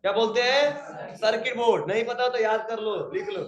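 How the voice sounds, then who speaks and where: Male computer teacher with a high voice, quizzing a class in an echoey room. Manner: quizzes students, repeats questions slowly. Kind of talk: classroom quiz lesson.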